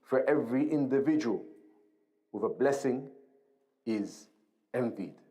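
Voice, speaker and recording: A man with a mid-range, expressive voice speaks at a measured pace in a warm tone. He is a religious teacher reading from a book and explaining it in an informal Islamic lesson, going point by point conversationally, repeating key phrases and checking in with short tag questions.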